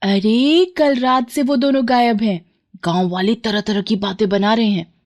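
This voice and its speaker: A woman's voice: fairly high pitch, unhurried, darkish tone, voice pushed up, close to an everyday voice. A woman voicing gossiping village women, chatty and defensive. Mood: gossipy.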